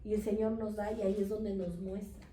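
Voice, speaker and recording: A woman with a Mexican accent giving a lively testimony and preaching to the church women, acting out the voices in her stories. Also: mid-range voice, a little fast. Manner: animated storytelling, acts out voices in quotes. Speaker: speaker at a church women's meeting. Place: church hall. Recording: echoey room, voice far from the mic.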